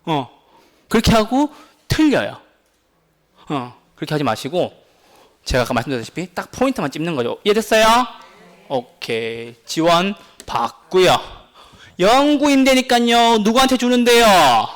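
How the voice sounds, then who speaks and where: A man lectures for a real estate licensing exam course, his voice riding high and leaping up and down in pitch. He is insistent and animated, checking in with the students again and again. His delivery is pleading and urgent. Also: moderate pace, pauses often. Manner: lively, keeps asking the class questions.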